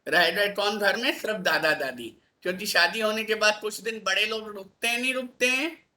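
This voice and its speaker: A man teaching a class, his voice bright and ringing. He keeps checking on the pupils with little tag questions, coaxing answers out of them in an easy classroom way. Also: high-pitched, moderate pace. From India. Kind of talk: classroom lesson.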